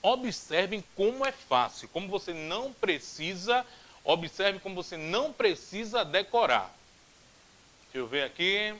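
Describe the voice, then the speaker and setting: Brazilian guy teaching grammar, high voice that jumps all over, drills stuff aloud, jokey. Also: unhurried, low-quality recording. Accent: Brazilian Portuguese. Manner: animated, repeats drills aloud, jokey asides. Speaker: Portuguese teacher. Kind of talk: grammar video lesson.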